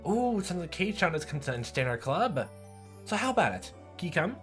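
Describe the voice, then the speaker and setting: A man's voice: sits high, very animated, a little fast, fairly bright tone, soft background music, voice pushed up. A man voicing a boisterous teenage girl who leads a game club and bosses her friends around. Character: bossy, loud teenage girl club leader.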